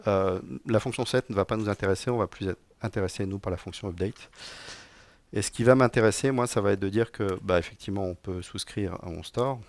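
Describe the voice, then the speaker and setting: A man with a low, gravelly voice presents a coding talk to a live audience, loose and joking with frequent fillers. His voice is recorded close and dry, with almost no room echo. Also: fairly quick. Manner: casual and joking, many fillers. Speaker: conference speaker, technical director.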